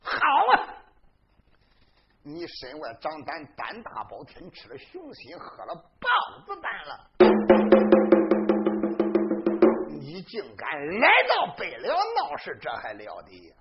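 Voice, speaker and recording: A storyteller voicing a boastful, blustering old male foreign commander in a booming, scolding manner. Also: huge pitch swings, a little slow, heavily acted. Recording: dull lo-fi recording.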